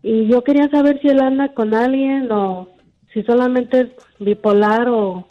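A woman's voice: a little high, fairly even intonation, measured pace. Woman caller on a dull phone line. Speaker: caller to a radio show. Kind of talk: casual, hesitant explanation.

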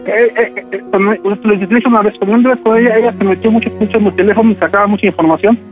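A man protests his innocence on the phone, stammering and circling back over the same words. He talks fast in a fairly high voice. There is faint music behind him. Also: steady tone, phone-quality sound. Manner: defensive, stammering, keeps repeating himself. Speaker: prank call target. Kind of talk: phone argument.

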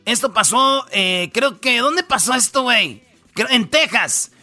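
Slangy Mexican radio host, high bright voice. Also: male voice, lively intonation, a little slow. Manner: slangy, storytelling, lots of fillers. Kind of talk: casual comedic radio banter.

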